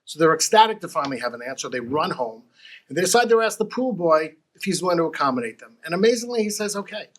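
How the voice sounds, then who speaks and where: A man's voice: high-pitched, sing-song, fairly bright tone. Man telling jokes with punchy timing. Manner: storytelling with punchy delivery and slowed punchlines. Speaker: joke teller.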